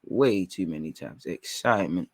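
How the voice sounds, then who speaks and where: A young man, hosting a football talk stream in a rambling, slangy, excitable way. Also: low voice, normal speed. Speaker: football channel host. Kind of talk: casual livestream chat.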